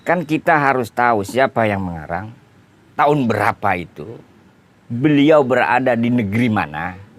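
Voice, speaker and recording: A man preaching in a relaxed, conversational lecture, explaining points with everyday examples. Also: mid-range voice. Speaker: Islamic preacher. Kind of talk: informal religious lecture.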